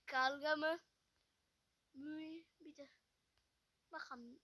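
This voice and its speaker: A woman giving excitable, swearing commentary while playing a mobile fighting game, trash-talking her opponent. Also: high-pitched, very slow, no room sound. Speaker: gamer.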